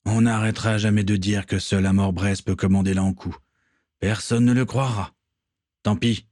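A man voicing a calm, commanding pirate captain in a read-aloud story. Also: on the low side, normal speed, dry recording, studio quality, close to an everyday voice. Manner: steady, commanding.

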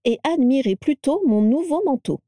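A radiant, showy witch bursts with delight in a bright, lifted, sing-song voice, as a woman reads her part. Her tone stays mellow and warm, close to the mic in a dry storybook recording. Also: lively intonation, normal speed, dry recording. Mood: teasing. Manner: gushing, high and sing-song. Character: cheerful eccentric witch, bubbly and showy.

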